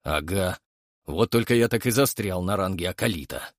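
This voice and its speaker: A man's voice: sits low, normal speed, dry recording, studio quality. A man voicing a huge bald brute who sighs heavily and grumbles. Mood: glum.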